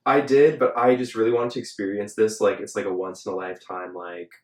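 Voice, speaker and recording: A young man chats casually as a podcast host, his voice sitting a little low. His talk is loose and full of "like". The room around him rings with a roomy echo. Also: steady tone, a little fast, a little mellow. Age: young adult. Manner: filler-heavy, chatty, frequent "like". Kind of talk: casual chat. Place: Los Angeles.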